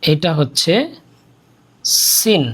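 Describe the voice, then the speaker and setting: Slow, patient Quran reading teacher. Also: mid-range voice. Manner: repeats letter-vowel drills in a steady chant, then explains briskly. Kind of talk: slow drilled recitation lesson.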